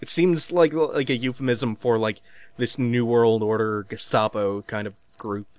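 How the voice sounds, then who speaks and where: A man's voice: medium pitch, fairly even intonation, a little slow, a little mellow, no echo. A man giving casual, wry let's-play commentary on an adventure game, swearing freely. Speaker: gaming commentator.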